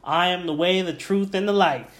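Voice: medium pitch, normal speed. A co-host in their late thirties, bantering bluntly with a profane, teasing manner. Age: 30s. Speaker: podcast co-host. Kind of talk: casual podcast banter.

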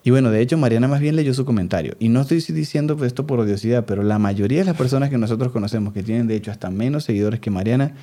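A man in his thirties with a Venezuelan accent, co-hosting a casual chat and telling stories with lively acted-out quotes. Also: mid-range voice, rapid-fire, hardly any pauses. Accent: Venezuelan Spanish. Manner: animated storytelling, acts out quoted voices. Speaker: podcast co-host.

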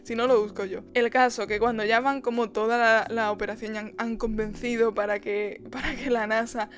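A woman's voice: on the high side, fairly even intonation, normal speed. A young woman hosting a podcast, chatting casually about a film with frequent laughs and restarts. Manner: chatty, laughs often, many restarts and quoted asides. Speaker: podcast host. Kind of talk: casual film review monologue.

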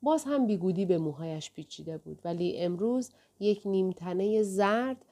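A woman with a mellow, mid-range voice narrates a novel aloud as an audiobook reader, delivering scripted narration.

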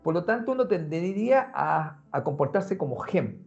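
A man talks in a lively, conversational way, often turning straight to the listener. His voice sits a little high. The recording is muffled and lo-fi, with faint music in the background. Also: normal speed, creaky. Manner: animated, conversational, addresses the listener directly. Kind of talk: casual explanatory talk.

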